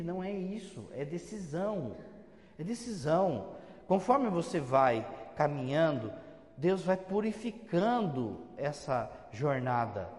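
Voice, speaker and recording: A man's voice: fairly high pitch, a little mellow. A Brazilian Portuguese-speaking male priest giving a homily in a conversational, teasing way, mimicking churchgoers. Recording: long church reverb.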